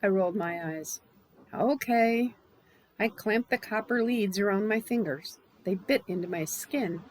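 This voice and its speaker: An older woman reading a novel aloud, animated storybook reading. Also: medium pitch, normal speed, a little hiss or hum, poor audio. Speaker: reader.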